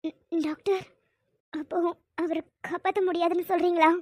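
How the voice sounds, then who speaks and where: A high-voiced performer as an anxious young older sister. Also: little pitch movement, normal speed, a little mellow, no room sound, clean studio sound. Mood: worried. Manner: worried, tearful, pleading.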